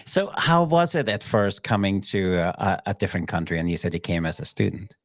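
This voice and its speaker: A man's voice: deep voice, sing-song, fairly quick, dry recording. A man hosting a podcast interview, asking rambling questions with restarts. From Austria. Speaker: podcast host. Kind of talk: casual interview.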